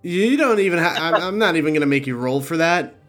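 A man running a tabletop game as game master, easygoing and quick to laugh. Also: on the high side, expressive, fairly bright tone, faint music behind.

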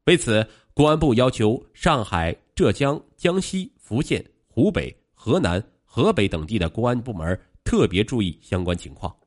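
Brief: male crime-story narrator, middle pitch, very lively intonation, animated delivery. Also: normal speed, hardly any pauses. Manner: animated storytelling with rising emphasis.

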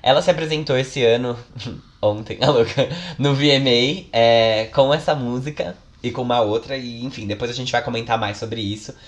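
A man's voice: mid-range voice, normal speed. A man co-hosting a music podcast. He reads out the new releases in an easy, chatty way. He keeps dropping in jokey asides. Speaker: podcast co-host. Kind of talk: casual music chat.

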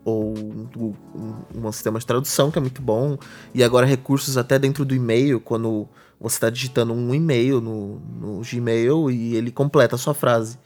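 A man's voice: mid-range voice, darkish tone. Brazilian man explaining tech patiently. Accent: Brazilian Portuguese. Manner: patient, explains with everyday examples. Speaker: podcast co-host explaining AI. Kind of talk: casual explanatory chat.

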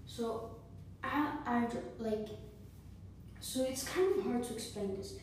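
A woman's voice: a little high, lively intonation, takes it slowly. A young woman hosting her own podcast, chatty and repetitive as she teaches beatboxing basics. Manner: chatty, repetitive, self-correcting. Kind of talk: casual tutorial podcast. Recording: echoey room, far from mic, faint noise.

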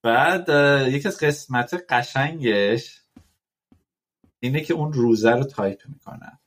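A podcast host, talking casually and thoughtfully, pausing often with fillers and dropping in English words. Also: male voice, medium pitch, fairly bright tone. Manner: thoughtful, rambling with many fillers and English loanwords.

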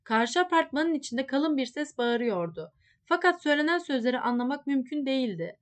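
Woman, high voice, storybook narration, measured, expressive reading.

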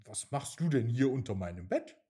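A man voicing a kind, worried star-keeper in a bedtime story, speaking gently and murmuring. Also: medium pitch, big pitch swings, moderate pace, natural voice. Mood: gentle. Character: kindly, worried old male star-keeper.

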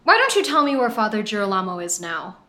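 An actress playing a proud grown daughter who runs a poisoning business, impassioned and defiant. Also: female voice, mid-range voice, sing-song, pushed and bright. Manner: impassioned, quickly swinging between pleading and defiance. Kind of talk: audio drama acting.

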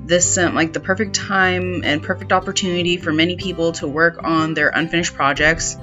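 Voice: medium pitch, fairly even intonation, normal speed. Tidy advice vlogger reading out self-help tips, bit of guitar behind, sound slightly dull.

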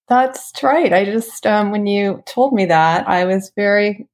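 A woman's voice: medium pitch, measured pace. A woman guest on an interview show, a stylist, answering in a reflective, easygoing way. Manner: warm, reflective, with fillers and light laughs. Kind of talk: casual interview chat.

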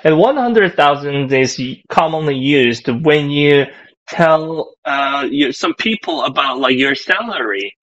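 A man teaching a casual language lesson, relaxed and halting, with many fillers and restarts. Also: fairly high pitch. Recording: dull lo-fi audio.

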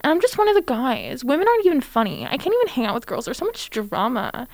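A young woman co-hosting a podcast chats casually in a high voice with big pitch swings, talking fast. She's blunt and sarcastic and says "like" a lot, and the recording is dry.

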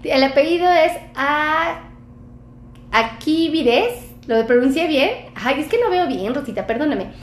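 Chatty high-voiced Mexican woman doctor. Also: lively intonation, unhurried. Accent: Mexican Spanish. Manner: chatty, playful, laughs often. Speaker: doctor hosting a live stream. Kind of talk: casual live-stream chat reading viewer comments. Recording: echoey room with faint background noise.

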